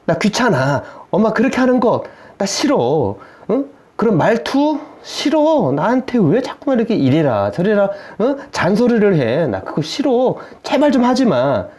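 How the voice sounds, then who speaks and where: Guy putting on a whiny teen kid begging mom to quit nagging, high and singsong. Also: very animated, moderate pace, hardly any pauses, darkish tone. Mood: whiny pleading. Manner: whiny, pleading. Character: sulky teenage child pleading with mom.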